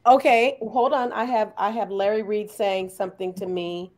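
A woman, founder of the network, briskly organizing speakers on a live video call. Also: medium pitch, fairly even intonation, background noise. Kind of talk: casual chat.

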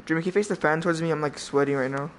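A man's voice: fairly high pitch, steady tone, rapid-fire. A man live-streaming a horror game on a headset mic, reacting in a scared, jumpy way with goofy asides and mild swearing. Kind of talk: casual live-stream commentary while playing a horror game. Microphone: VR headset microphone.

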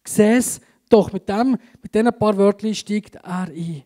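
A man with a Swiss German accent preaching a sermon in church, swinging between urgent emphasis and a hushed tone. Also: sits high, measured pace. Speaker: pastor. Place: church service.

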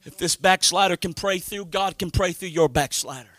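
A man, preaching in a high, sharp voice that rings out bright. The recording is dry and close. He swings between hushed confiding and shouted, rhythmic passages full of amens. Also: moderate pace, no echo. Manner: swings from hushed to shouted, repeats amen and hallelujah. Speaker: senior pastor. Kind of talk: Pentecostal preaching.

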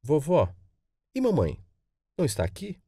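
A man's voice: a little high, huge pitch swings, normal speed, vocal fry, mellow, husky, dry recording, studio quality, voice pushed up, heavily acted. A man voicing a young boy who asks questions eagerly in an audiobook. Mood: worried. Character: young boy, frightened then trusting. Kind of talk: audiobook character voice.

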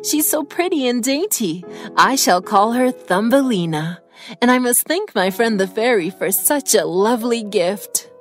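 A woman voicing a lonely, gentle woman longing for a child in an animated fairy tale. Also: fairly high pitch, measured pace, soft background music. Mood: tender. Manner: tender, wistful.

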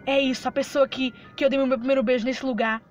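A woman reading aloud the narration of a confused young man with lost memories, in a plain, even reading voice. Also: sits high, fast, muffled recording, faint music behind, lightly acted. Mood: shaken.

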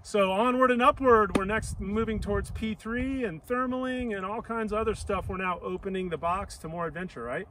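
A man's voice: sits high, brisk, few pauses, distant mic, a little hiss or hum, low-quality recording. A man in his forties, an upbeat vlog host and paraglider pilot, talking to a harness-mounted action camera in an open field. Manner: upbeat, enthusiastic, shouting to ground crew during launch. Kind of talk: casual outdoor vlog. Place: open grassy field outdoors.

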